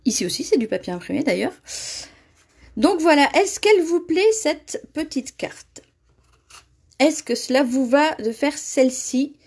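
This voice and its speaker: High-voiced chatty woman crafter. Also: lively intonation, unhurried, creaky, a little mellow. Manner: chatty, laughs often, reads viewer comments aloud. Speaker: crafting demonstrator. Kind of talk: live craft tutorial.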